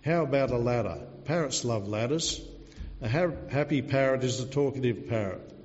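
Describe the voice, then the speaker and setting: A man doing a brisk pet store keeper. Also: mid-range voice, darkish tone, lightly acted. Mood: upbeat. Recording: dull recording, long church reverb.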